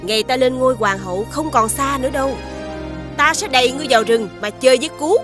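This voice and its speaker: A woman's voice: sits high, fast talker, over music, lightly acted. A woman voicing a scheming witch stepmother. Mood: menacing. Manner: sly, commanding. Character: scheming female witch posing as queen's sister. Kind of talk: cartoon dubbing.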